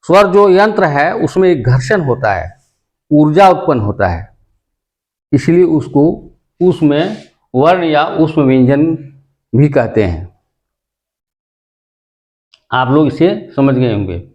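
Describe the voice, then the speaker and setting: A man's voice: on the high side, expressive, a little mellow. A man teaching a grammar lesson, repeating each point and quizzing his listeners with questions he answers himself. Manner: slow, deliberate delivery. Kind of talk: classroom-style grammar lesson.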